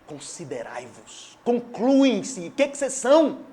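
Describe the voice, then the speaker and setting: A man preaching a sermon in a church with a Brazilian Portuguese accent, swinging between loud declarations and hushed asides. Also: very high-pitched, very animated, measured pace. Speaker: pastor.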